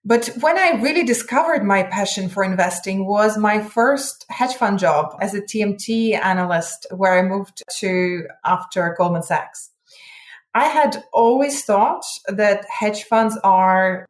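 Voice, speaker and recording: A woman's voice: medium pitch, measured pace. A woman in her thirties, from Russia, giving articulate, upbeat interview answers about her career. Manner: articulate and upbeat, with occasional fillers. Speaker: guest, hedge fund head of research. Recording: roomy echo.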